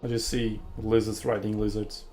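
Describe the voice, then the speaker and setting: A man's voice: lowish voice, level tone, moderate pace, darkish tone, faint music behind. Chatty male esports caster. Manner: chatty, jokey, rambling with fillers. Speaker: tournament caster. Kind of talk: casual esports commentary.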